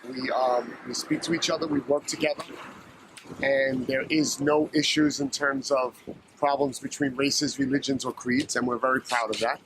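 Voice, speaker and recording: A man's voice: mid-range voice, fairly even intonation, normal speed. Earnest man with street noise. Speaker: longtime community resident. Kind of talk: interview answers. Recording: traffic noise outdoors.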